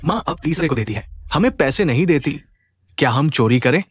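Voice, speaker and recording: A man's voice: a little high, lively intonation, fairly quick, a little hiss or hum, natural voice. A young man dubbing a petulant son who pleads and complains. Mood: grumbling. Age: young adult. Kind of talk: dubbed drama acting.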